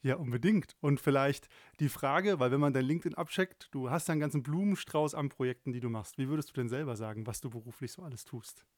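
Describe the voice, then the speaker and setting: A man in his thirties hosting a career podcast, asking questions in a relaxed, chatty way with many fillers. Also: mid-range voice, fast, few pauses, no echo, clean studio sound. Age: 30s. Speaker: podcast host. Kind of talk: podcast interview.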